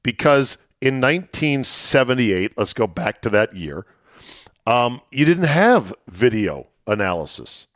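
A man's voice: medium pitch, very animated, a little slow, a bit bright, no echo, clean studio sound. A middle-aged man hosting casual sports talk, explaining things in short, listed phrases.

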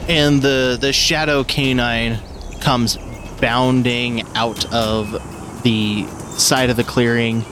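Male game master, unhurried tabletop narration over clearly audible rain. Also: mid-range voice, fairly even intonation. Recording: clear rain noise behind.

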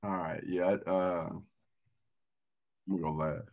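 Laid-back man in his thirties, low voice. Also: little pitch movement, slow, lo-fi sound. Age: 30s. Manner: laid-back, says "dog" and "man" often. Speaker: podcast host. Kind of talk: casual chat. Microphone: video call.

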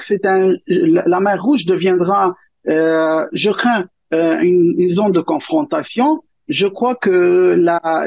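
Husky man, lo-fi dry line. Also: high voice, a little mellow, no echo. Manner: hesitant, restarts often, firm views. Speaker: geopolitical analyst guest. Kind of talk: debate panel discussion.

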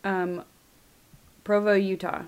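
A woman's voice: mid-range voice, flat delivery, slow pace, smooth. A woman co-hosting a comedy podcast who giggles a lot and often breaks into exclamations. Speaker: podcast co-host. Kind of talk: casual comedic chat.

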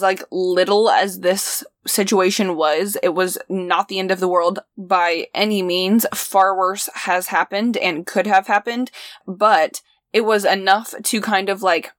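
A woman's voice: fairly low pitch, fairly bright tone, no room sound, studio quality. Chatty young woman telling a story. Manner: chatty, frequent "like" fillers, laughs while telling. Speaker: van life vlogger. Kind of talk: casual storytelling vlog. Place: inside her camper van.

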